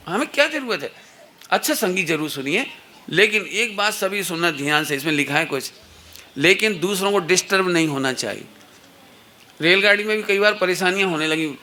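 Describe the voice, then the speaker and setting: A man's voice: sits high, sharp tone. A middle-aged man giving a satsang talk to children and parents, telling anecdotes and playfully acting out the people in them. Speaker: religious teacher.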